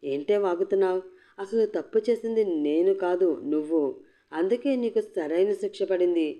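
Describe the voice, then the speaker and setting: A woman voicing an angry, arrogant young husband who shouts and sneers. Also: mid-range voice, normal speed, natural voice. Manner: shouting, contemptuous. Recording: dull lo-fi recording.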